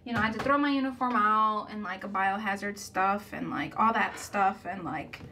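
Bright-voiced young woman rambling a story. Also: mid-range voice, normal speed, a little hiss or hum. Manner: rambling, filler-heavy, lots of "like"; breathless, dramatic retelling. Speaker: makeup vlogger. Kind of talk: casual storytelling while doing makeup.

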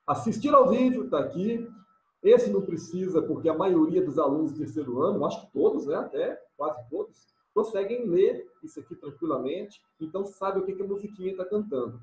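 A man walks young pupils through their English homework, saying each word and then explaining it. His voice sits high and swings widely. It sounds dull and lo-fi, with the echo of a bare room. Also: lively intonation, fairly quick, darkish tone. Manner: switches between English words and Portuguese explanations, drills repetition. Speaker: English teacher. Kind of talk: recorded homework correction lesson.

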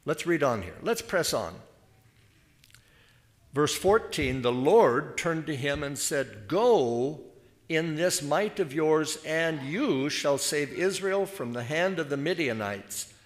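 A man's voice: fairly high pitch, expressive, takes it slowly. An older man preaching in a church, reading scripture and musing aloud in a conversational, wry way with self-deprecating asides.

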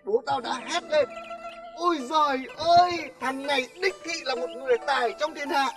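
An actor playing a boastful young village student who talks in a cocky, teasing way and tells stories quickly, with faint music behind. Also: male voice, extremely high pitch. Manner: cocky, teasing, fast storytelling.

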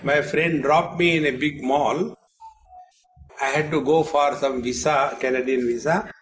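A man's voice: mid-range voice, steady tone, unhurried, faint music behind. A man, a spiritual teacher, giving a retreat discourse with humorous storytelling and acted dialogue to a live audience.

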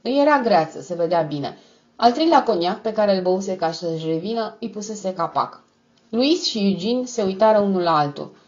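A woman narrating a novel as an audiobook in a steady, measured read. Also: mid-range voice, dull audio. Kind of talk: scripted narration.

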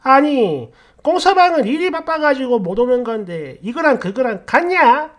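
A woman voicing a nagging older mother who scolds her family, with a shrill, exasperated manner. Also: big pitch swings, measured pace, fairly bright tone, heavily acted. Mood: scolding.

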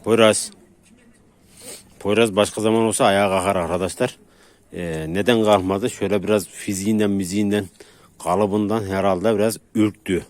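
A man's voice: lowish voice, steady tone, normal speed, dry recording. A man filming street dogs, coaxing and praising them in casual, slangy speech while talking to his viewers. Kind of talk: casual running commentary to camera. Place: outdoors on a street.

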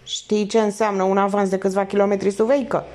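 A woman's voice: mid-range voice, flat delivery, darkish tone, voice pushed up, close to an everyday voice. A woman reading aloud and voicing a brash, mocking male thief who talks in street slang. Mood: scoffing.

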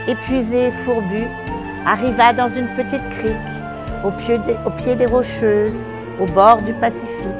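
A woman narrating a children's storytime in a gentle, rhythmic storytelling manner. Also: on the high side.

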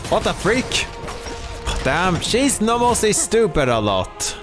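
A man's voice: high-pitched, very animated, slow, music in the background. A man commenting casually and playfully while playing a video game. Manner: casual, playful remarks over gameplay. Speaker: gaming channel host. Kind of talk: let's play commentary.

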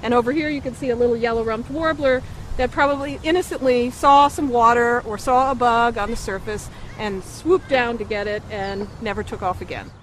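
A woman's voice: on the high side, normal speed, rough recording. A middle-aged woman explaining things as an expert interviewee in a nature documentary. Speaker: paleontologist interviewee.

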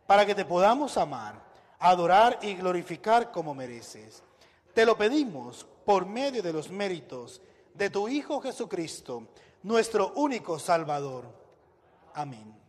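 A man, a minister, leading liturgical prayer and readings in solemn, measured phrases in an echoing church. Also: sits high. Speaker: Lutheran minister leading a service. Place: large church sanctuary, at the altar. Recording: echoey church hall with long reverb.

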